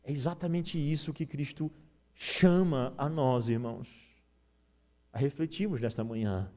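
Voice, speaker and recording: A man's voice: a little high, measured pace, warm tone. A man with a Brazilian Portuguese accent, preaching an Easter sermon as pastor and asking the congregation rhetorical questions.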